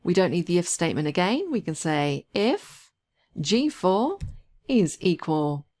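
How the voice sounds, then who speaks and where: Female tutorial narrator, lower pitch, animated intonation, step-by-step explanation. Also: a little slow. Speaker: software trainer. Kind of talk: screen-recorded tutorial narration.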